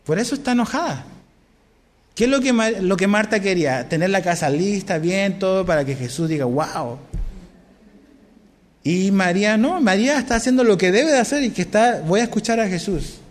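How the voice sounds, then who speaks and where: A man's voice: sits high, expressive, fairly quick. A man preaching a sermon as pastor, conversational and often asking his listeners questions. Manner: conversational, asks the congregation questions. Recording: long hall reverb.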